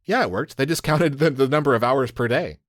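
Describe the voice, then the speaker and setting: A man hosting a language podcast explains slang step by step in a casual teaching chat, laughing as he goes. His mid-range voice moves a little fast, and the recording is dry with clean studio sound.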